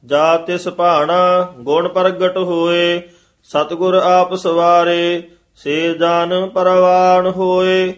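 A man reciting scripture line by line as a student, half singing in a slow, even chant. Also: high-pitched.

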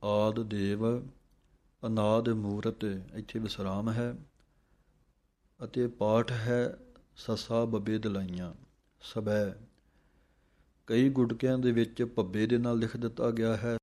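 Slow, low-voiced man chanting and explaining. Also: fairly even intonation, dark tone. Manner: slow chanted verses alternating with quick spoken explanations. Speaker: teacher of scripture recitation. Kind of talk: recitation lesson, chanting verses then explaining pronunciation.

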